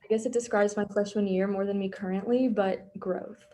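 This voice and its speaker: A young woman from Minnesota, a student panelist introducing herself in a soft-spoken, low-key way. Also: steady tone, brisk. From Saint Paul, Minnesota. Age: young adult.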